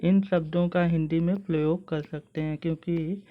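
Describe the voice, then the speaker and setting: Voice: mid-range voice, steady tone, moderate pace, phone-quality sound. A teacher with an Indian English accent gives a pronunciation lesson, explaining patiently with hesitant fillers and breaking words into syllables. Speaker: online teacher. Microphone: phone.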